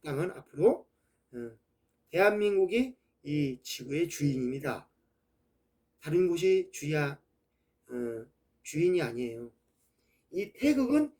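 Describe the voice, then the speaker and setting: Man with a Chungcheong Korean accent, casual preaching talk, rambling, warm voice pitched a bit high. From Chungcheong, South Korea. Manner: rambling, peppers speech with "ye" filler.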